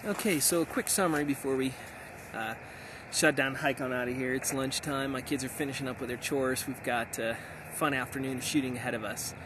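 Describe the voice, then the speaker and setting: Outdoors in hilly backcountry, a middle-aged American amateur radio operator vlogs a casual, enthusiastic summary. His mid-range voice keeps a fairly even intonation and runs a little fast with hardly any pauses, with outdoor noise in the background.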